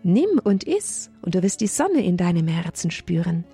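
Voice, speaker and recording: Storybook magic crystal, gentle and solemn, mellow and slightly husky, voiced by a woman. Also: fairly low pitch, big pitch swings, normal speed, soft background music, heavily acted. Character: wise glowing sun crystal, gentle and solemn.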